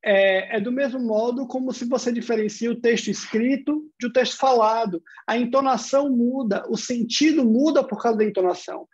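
A man's voice: very high-pitched, a little fast, few pauses, a little mellow, muffled recording. A man with a Brazilian Portuguese accent giving an online university lecture, explaining step by step and posing rhetorical questions.

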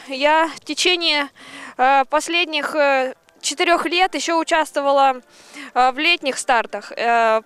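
A woman's voice: sits high, a bit bright, dry recording. A young woman athlete talking after a race outdoors in the snow into a handheld mic, hesitant with many fillers. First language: Russian. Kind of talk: post-race interview. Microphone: handheld reporter mic.

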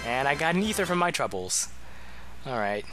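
Guy doing casual let's play commentary, pitch jumps around, reactive, game music behind. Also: sing-song, moderate pace, poor audio. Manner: reactive, muttering and exclaiming. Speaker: video game let's player.

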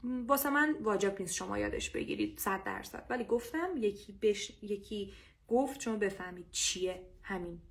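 Brief lively Persian-accented woman, casual English teacher on a livestream, slow drilled repetitions. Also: medium pitch. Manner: lively, drills English phrases slowly and repeats them.

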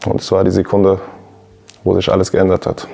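A man in his twenties, an interview guest, giving a calm, measured personal account with frequent filler sounds, seated in a youth centre lounge. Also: sits low, gravelly, slightly rough, faint music behind. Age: 20s.

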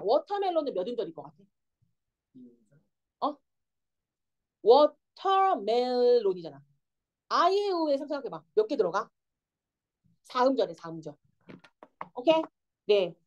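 In a dull-sounding recording, a young woman with a high voice walks through an English grammar lesson one step at a time. Her delivery is lively, and she often stops to make sure the students understand.

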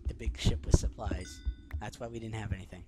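A man's voice: on the low side, fairly even intonation, brisk, dark tone, soft background music. A man teasing his friends and laughing easily as they play a game together. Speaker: game player. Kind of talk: casual gameplay banter. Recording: noisy home recording.

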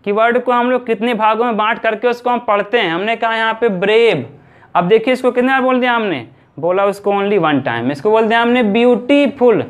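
A man teaching English grammar, asking questions and answering them himself, stretching out example words slowly. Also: sits high, smooth. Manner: repeats points slowly, drawing out example words. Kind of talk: classroom-style grammar lesson.

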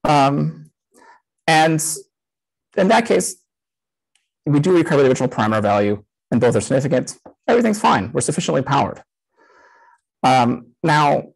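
Speaker, man in his 30s, husky voice that moves around a lot in pitch; relaxed live-coded talk through a headset. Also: poor audio. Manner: casual, many "um" fillers. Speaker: conference speaker.

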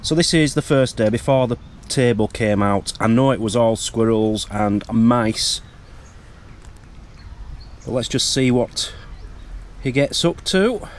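A middle-aged man narrating a wildlife camera vlog outdoors in a wood, in a chatty, easily excited way. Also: medium pitch, takes it slowly, long pauses, a little hiss or hum. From United Kingdom. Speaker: wildlife vlogger. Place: woodland outdoors.

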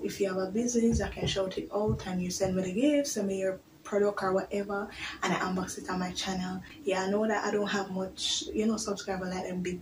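A woman's voice: mid-range voice, noisy background. A woman, chatting candidly to camera in a small bedroom, rambling from one update to the next. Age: 20s. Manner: chatty, candid and rambling, with creole-flavored grammar. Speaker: vlogger. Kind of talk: casual chat to camera. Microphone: device camera on a desk.

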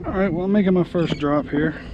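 Narrating a fishing trip, a relaxed host in his forties chats with viewers and the fish from a small open boat well offshore. His voice is brisk and a touch high for a man. The action camera's recording is muffled, with clear wind and water noise underneath.

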